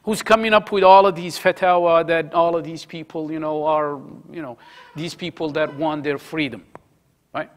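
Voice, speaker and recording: A halaqa teacher leads a religious study circle conversationally, asking his listeners questions, repeating key phrases and mixing in Arabic words. His voice is fairly high with fairly even intonation and a moderate pace.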